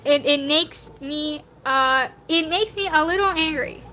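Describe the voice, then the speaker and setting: Chatting loosely while she draws fan art on a livestream, this nineteen-year-old woman rambles in slang and pokes fun at herself. Her youthful voice, which comes across younger than nineteen, is high-pitched and sharp, and she talks a little slowly over soft background music.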